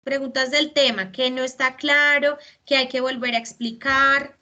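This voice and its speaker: Bright-voiced woman teacher explaining patiently. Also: high voice, fairly even intonation, normal speed, lo-fi sound, slight background noise. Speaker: English teacher. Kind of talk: online class explaining grammar.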